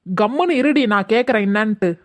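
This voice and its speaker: Someone doing a worn-out husband stuck in the middle, keeps pleading and trying to calm everyone. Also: medium pitch, a little fast, close to an everyday voice. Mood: exasperated. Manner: pleading and placating. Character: harried husband stuck between wife and mother. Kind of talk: comedy skit acting.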